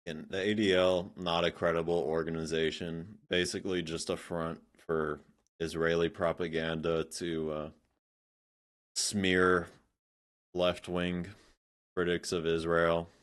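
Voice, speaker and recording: A man's voice: low voice, flat delivery, measured pace. A man giving blunt, sarcastic reaction commentary, swearing freely and scattering fillers as he talks. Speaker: commentary streamer.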